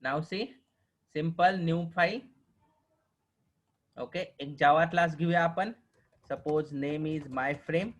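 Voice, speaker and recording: A man with a Marathi accent teaching a programming class online, often pausing to ask whether the students understand and slowing down for the English definitions. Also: fairly high pitch, muffled recording. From Maharashtra, India. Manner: keeps checking if students understand; mixes slow dictated English with quicker explaining.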